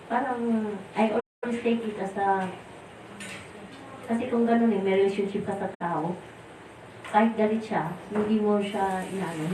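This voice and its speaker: A middle-aged woman with a Filipino accent, a disciple sharing rambling memories at a temple gathering, often searching for words. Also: medium pitch. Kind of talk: informal remembrance talk, Taglish. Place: temple hall. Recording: roomy, distant mic, faint noise.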